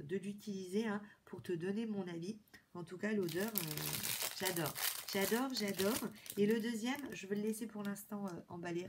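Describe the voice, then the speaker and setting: A woman's voice: fairly low pitch, darkish tone, a little hiss or hum. Chatty French woman showing a haul. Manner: chatty, enthusiastic, many fillers and restarts. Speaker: beauty vlogger. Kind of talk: casual haul video.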